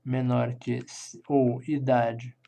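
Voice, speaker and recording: A man's voice: mid-range voice, little pitch movement, very slow, creaky, dark tone, highs cut off. A man with a Brazilian Portuguese accent teaching a programming lesson, thinking aloud as he types and checking in with listeners after each step. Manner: thinks aloud while typing, with frequent checking "tá?". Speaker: programming instructor. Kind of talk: screencast coding lesson.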